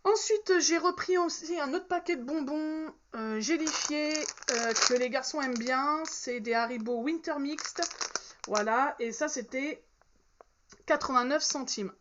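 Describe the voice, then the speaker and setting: A woman's voice: high voice, a little slow, a bit bright. A woman in her thirties, chatting casually about her shopping haul, hesitant and full of fillers and self-corrections. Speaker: vlogger showing a shopping haul. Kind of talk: casual chat. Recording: slightly dull, faint background noise.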